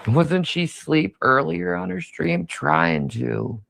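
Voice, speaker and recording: A woman's voice: low-pitched, very animated, slow, vocal fry, a bit bright, slight background noise. A woman livestreaming late at night, mumbling in a drowsy, half-whispered way.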